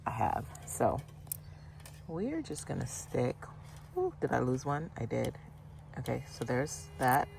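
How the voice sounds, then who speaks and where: Chatty gravelly-voiced garden vlogger. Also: mid-range voice, a little hiss or hum. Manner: chatty, excitable, talks to viewers as y'all. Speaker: gardening channel host. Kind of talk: casual gardening vlog. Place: outdoor backyard garden.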